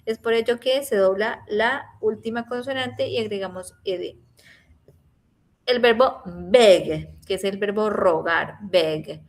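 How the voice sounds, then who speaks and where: Slow, patient woman teaching a lesson. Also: medium pitch, low-quality recording. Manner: slow, explaining patiently, often checking with "¿cierto?"; repeats and stretches example words. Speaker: English teacher. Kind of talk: bilingual grammar lesson.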